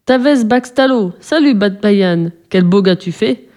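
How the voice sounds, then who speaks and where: A woman voicing a jaunty old male ghost, a mustached great-great-great-uncle, in a storybook reading, talking in a lively, teasing way. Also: mid-range voice, measured pace, lightly acted. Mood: cheerful.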